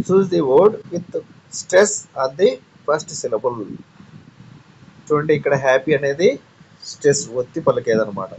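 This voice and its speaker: A man with a Telugu accent, teaching exam prep, reading each question twice and then adding quick explanations. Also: a little high, animated, darkish tone, a little hiss or hum, poor audio. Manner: reads each question twice, quick asides in another language.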